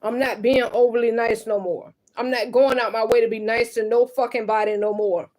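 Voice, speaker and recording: A woman's voice: fairly high pitch, steady tone, moderate pace, a little mellow. A mother venting to the camera in a blunt, emphatic and profane way.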